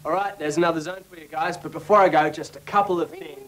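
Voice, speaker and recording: A man hosting a TV show, talking casually and ranting in a mock-whiny, animated way. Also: fairly high pitch, fast, rough recording. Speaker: TV show host. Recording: loud crowd behind the voice.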